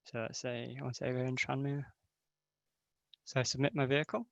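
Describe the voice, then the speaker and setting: A man giving a casual software demo over a video call while sharing his screen, with many filler words. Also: mid-range voice, flat delivery, brisk, gravelly, no echo. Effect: voice heard over a video call while sharing his screen. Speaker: hackathon team member giving a demo. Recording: dull, dry video call audio.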